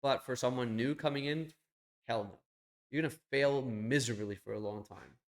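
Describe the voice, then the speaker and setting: Clicking around during a live stream, a young man thinks out loud in a casual, blunt manner with a bit of profanity. His voice is ordinary, medium-pitched and mid-range, at a moderate pace.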